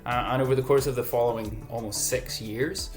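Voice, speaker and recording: A man's voice: mid-range voice, steady tone, a little fast. Guy in his 30s, medium voice, recorded intro, music faintly behind. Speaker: former student radio presenter.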